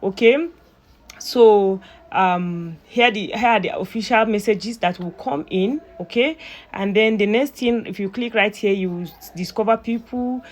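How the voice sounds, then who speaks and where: A woman's voice: mid-range voice, unhurried. A young woman walking viewers through an app in a chatty, self-mocking way, with frequent fillers. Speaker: YouTuber giving an app tutorial. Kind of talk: casual screen-recorded tutorial.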